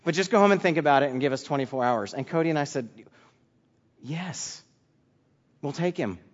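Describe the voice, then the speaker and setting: Man, children's pastor, sermon and testimony, fairly high voice, long hall reverb. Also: animated, very fast. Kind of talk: sermon with personal testimony and Bible reading. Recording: muffled sound in reverberant hall.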